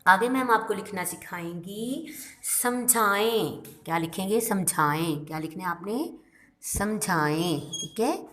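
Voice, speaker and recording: A woman's voice: mid-range voice, measured pace, fairly bright tone. A woman teaching young children, speaking patiently and checking in with them again and again. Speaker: primary school teacher. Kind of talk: recorded class lesson for young children.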